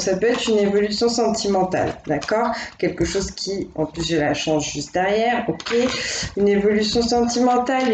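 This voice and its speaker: A woman doing a casual, spoken tarot reading as host, thinking aloud in a gentle, reassuring way. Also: medium pitch, roomy sound, a little hiss or hum, poor audio. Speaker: tarot card reader.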